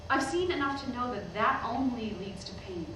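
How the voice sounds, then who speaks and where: A woman with a slightly high voice and lively intonation gives a lightly acted performance as an eighteen-year-old preacher's daughter delivering a hesitant sermon. Nervous but defiant, she sounds earnest and resolute, pausing often and posing rhetorical questions. The audio comes from the audience side of an indoor hall, with a distant mic, heavy echo, and lots of noise.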